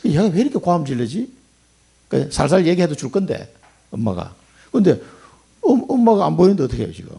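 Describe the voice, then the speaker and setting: A pastor giving a sermon, preaching emphatically with sudden rises and drops in pitch and loudness, in a church sanctuary. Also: male voice, gravelly, slightly rough.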